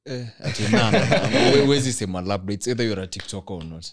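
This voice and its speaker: A man's voice: lowish voice, expressive, fast talker. A man hosting a casual podcast, chatting in slangy mixed speech. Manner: slangy, mixes English and Swahili. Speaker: podcast host.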